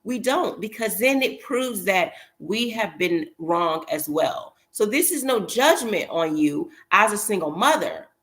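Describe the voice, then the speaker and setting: A woman giving casual opinion commentary in an emphatic, rambling way, pausing to recall details. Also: medium pitch, lively intonation, a bit bright. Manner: emphatic, rambling, with pauses to remember.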